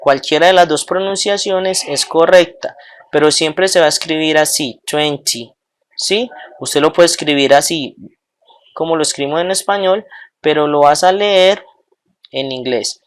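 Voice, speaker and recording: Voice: medium pitch, a little slow. An English teacher giving a recorded bilingual pronunciation lesson, drilling words aloud and checking in with the class often.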